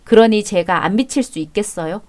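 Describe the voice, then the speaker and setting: A woman narrating a radio drama and playing the wife, sharp and resentful when arguing and calmer when confiding. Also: mid-range voice, fairly quick.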